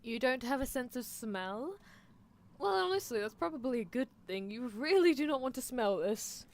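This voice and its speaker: Performing a character roleplay on stream, a woman improvises an ASMR scene as a possessive, scheming mad scientist from anime, muttering with theatrical exasperation. She speaks at normal speed in a high voice with lively intonation.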